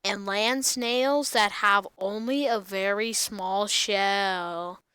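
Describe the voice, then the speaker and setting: Slow, monotone child reading facts aloud. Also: medium pitch, clear, resonant tone, dry recording. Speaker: host of a snail facts show. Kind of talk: reading an encyclopedia article aloud to viewers.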